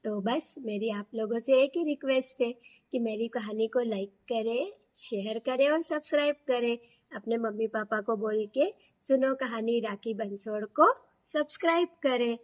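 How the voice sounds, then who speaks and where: A woman's voice: on the high side, normal speed. A woman narrating a children's bedtime story, asking the kids questions as she goes.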